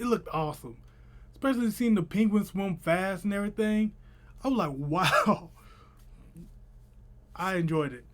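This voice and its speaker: Young male vlogger, voice a bit high, slushy sh-like lisp, casual slangy storytelling. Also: a little mellow. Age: young adult. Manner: informal, chatty, slangy delivery. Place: small room at home.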